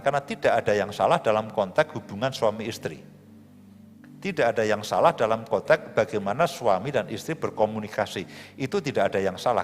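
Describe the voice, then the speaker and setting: A man, a pastor preaching a sermon in a conversational, lively way with humor and asides. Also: lowish voice. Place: large church hall. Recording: live church stream, hall reverb, soft music.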